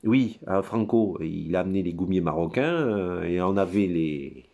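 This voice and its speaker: A man's voice: low-pitched, lively intonation, normal speed, creaky, mellow. A man giving a rambling, crude monologue at his computer, full of hesitations and digressions. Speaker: commentator.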